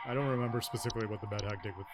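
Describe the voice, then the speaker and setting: A man's voice: on the low side, steady tone, racing. A man giving casual, slangy game commentary in a blunt, wry manner. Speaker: gamer commenting on his playthrough. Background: game music.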